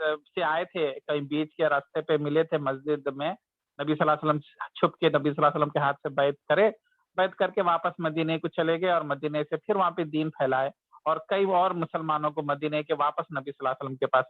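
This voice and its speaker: Speaking briskly in a steady tone, an Islamic teacher with a fairly high voice presents religion as casual conversation. He tells the story along the way and occasionally voices the characters' complaints; the audio is dry, tinny, phone-like, and echo-free.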